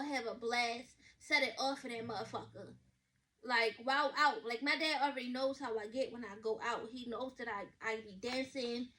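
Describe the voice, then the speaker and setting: Bright, high-voiced sassy young woman. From Baltimore, USA. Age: 20s. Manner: blunt, sassy, loud and animated with slang and swearing. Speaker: vlogger reacting to a reader's story. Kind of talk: casual reaction commentary.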